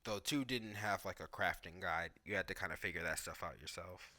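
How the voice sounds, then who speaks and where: Pushed and bright, this low-pitched male voice moves fairly quickly. It belongs to a gaming video creator riffing informally on cutscenes and gameplay, thinking out loud and peppering his speech with "like."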